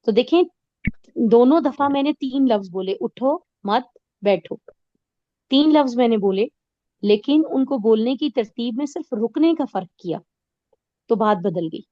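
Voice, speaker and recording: A woman's voice: a little high, animated, dry recording, lo-fi sound. A woman teaching an online recitation class, explaining rules patiently with everyday examples and checking that her students follow.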